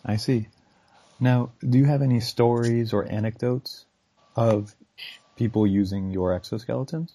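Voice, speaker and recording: A man interviewing someone, putting measured, formally worded questions. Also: mid-range voice, dark tone.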